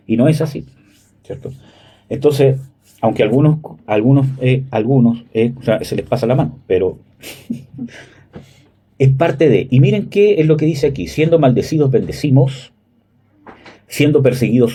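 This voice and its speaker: A man in his thirties preaching a sermon in a conversational way, often checking with listeners and pausing on fillers. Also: mid-range voice, mellow, slightly rough. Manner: conversational, frequent "¿cierto?" and "¿me entiende?" checks; hesitant fillers, "¿cómo se llama?". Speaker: pastor.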